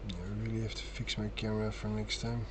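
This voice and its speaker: A man with a Flemish Belgian accent, a native Dutch speaker, chatting casually and haltingly in English as he paints on an amateur livestream. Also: lowish voice, little pitch movement. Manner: apologetic, halting, thinking aloud. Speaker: amateur hobby painting streamer. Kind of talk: casual chat while painting miniatures on a livestream. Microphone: sensitive stream mic picking up breathing. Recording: noisy amateur mic with audible breathing. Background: clear noise, brush sounds.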